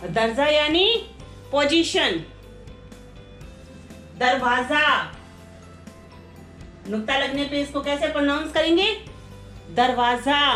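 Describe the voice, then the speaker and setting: Woman teacher, high bright voice, slow deliberate word drills, echoey room, faint music. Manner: slow, deliberate pronunciation drills with rhetorical questions. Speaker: Hindi teacher. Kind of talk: classroom lesson, reading word lists aloud.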